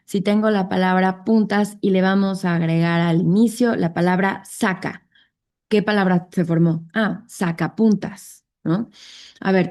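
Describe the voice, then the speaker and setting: A woman with a Mexican Spanish accent giving a conference lecture, explaining step by step and often pausing on fillers and checking with a tag question. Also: mid-range voice, darkish tone. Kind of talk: conference talk.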